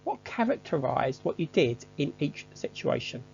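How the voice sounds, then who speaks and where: A man giving a measured, structured, scripted online lesson as a course instructor. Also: on the high side, sing-song, vocal fry, darkish tone, dull audio, slight background noise.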